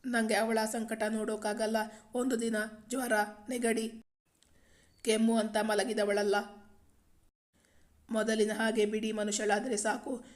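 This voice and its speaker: A fretful older mother in a storybook reading, worried and plain-spoken, as a woman narrator puts her on. Fairly high voice, little movement in pitch. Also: little pitch movement, a little slow, long pauses, a little mellow, lightly acted.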